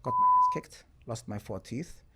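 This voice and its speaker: A man's voice: medium pitch, moderate pace. A man from Germany, a podcast guest telling stories in a casual interview, often tagging his sentences with "right?". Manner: relaxed storytelling, peppered with "right?" and "you know". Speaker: podcast guest, sports entrepreneur.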